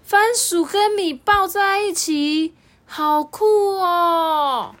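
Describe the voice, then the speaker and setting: A woman's voice: sing-song, pushed and bright, exaggerated voice. A woman doing a wide-eyed little boy. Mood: curious. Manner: high, slow and wondering. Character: curious small boy.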